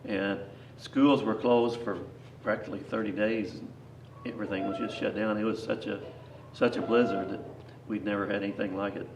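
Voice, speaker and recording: An older man with a lowish voice tells a rambling grandpa story. He is folksy and plain-spoken, backtracking as he reminisces. The recording is echoey, with the microphone some distance away. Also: steady tone, moderate pace, hardly any pauses. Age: 60s or older. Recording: echoey, distant mic, faint noise.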